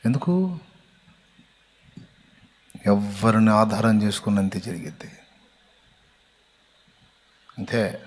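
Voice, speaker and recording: A man's voice: medium pitch, a little slow, long pauses. A male pastor preaching a sermon with emphatic repetition that rises to fervent cries of praise. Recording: long hall reverb.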